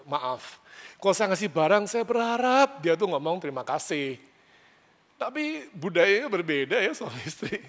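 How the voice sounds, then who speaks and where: A man's voice: a little high, long reverb tail. A man preaching a sermon in a casual, storytelling way, his voice jumping up as he retells arguments. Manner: animated, conversational, rises sharply when retelling arguments.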